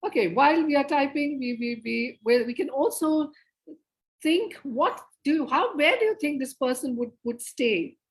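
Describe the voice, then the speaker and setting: Brief: woman, theatre facilitator on a video call, lively and coaxing, slightly higher voice. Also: moderate pace, rough recording. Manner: lively, coaxing audience participation. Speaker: theatre educator and presenter. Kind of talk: interactive online workshop facilitation.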